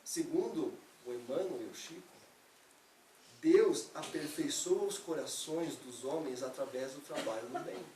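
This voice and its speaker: A man's voice: fairly high pitch, unhurried, warm tone, slight background noise. A man from Brazil giving an earnest, conversational spiritist lecture, acting out everyday excuses as quotes. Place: lecture hall of a spiritist center. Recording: echoey hall, speaker far from mic.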